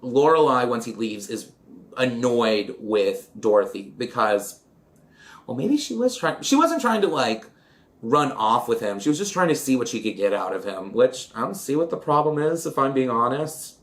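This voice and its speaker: A man's voice: mid-range voice, moderate pace. A man chatting in a campy, dramatic way while recapping an old film and doing his makeup, with giggly asides. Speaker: vlogger.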